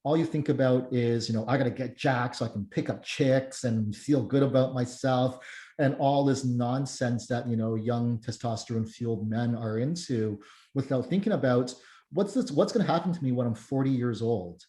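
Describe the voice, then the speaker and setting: A man in his mid-thirties talks loosely through a podcast chat, circling back and restarting his sentences. His voice is mellow and a little dark, and it carries a roomy echo. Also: medium pitch, moderate pace. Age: 30s. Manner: rambling, many restarts and fillers. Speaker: strength coach and guest.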